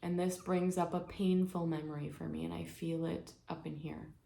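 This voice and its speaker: A woman leading a guided healing exercise, speaking in a gentle, soothing way, step by step. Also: lowish voice, fairly even intonation, moderate pace, creaky. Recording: echoey room with faint ambience.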